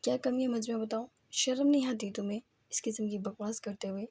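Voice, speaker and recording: A woman's voice: a little high, fairly even intonation, mellow, husky, dry recording. A woman voicing a short-tempered young married man who speaks harshly and impatiently in an audio novel. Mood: angry.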